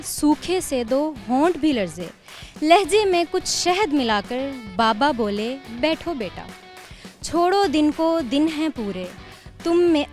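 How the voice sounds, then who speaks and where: A young woman student with a high voice speaks slowly and deliberately. She recites verse in a measured, expressive way. Faint music sits under her voice. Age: young adult. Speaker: university student, interviewee. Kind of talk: interview answers and poem recitation.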